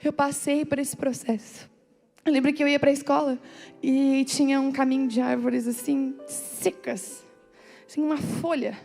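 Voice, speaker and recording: Woman preacher, high voice, emotional sermon, pleading, drawn-out phrases, faint music behind. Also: steady tone, gravelly. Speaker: preacher at a women's church meeting. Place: church hall. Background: soft instrumental music.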